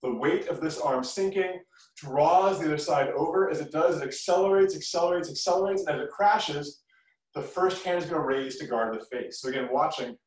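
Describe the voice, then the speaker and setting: A man's voice: fairly high pitch, normal speed. A middle-aged man teaching a live kung fu class, giving short instructional commands and encouraging feedback. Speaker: martial arts instructor. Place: medium-sized living room, indoors. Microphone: camera across the room. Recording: roomy echo, distant mic.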